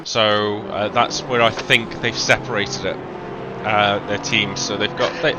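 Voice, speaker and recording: A man's voice: fairly low pitch, steady tone, unhurried, highs cut off, heavy background noise. A man with a faint Welsh accent doing live sim racing commentary, chatty, with lots of ums and self-corrections. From Wales.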